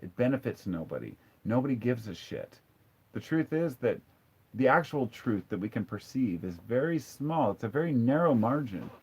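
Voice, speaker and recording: A man's voice: medium pitch, big pitch swings, normal speed, a little mellow, slightly rough. A man hosting a casual live stream, reading viewer comments and answering them in a blunt, profane, sarcastic way. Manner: conversational, with frequent restarts.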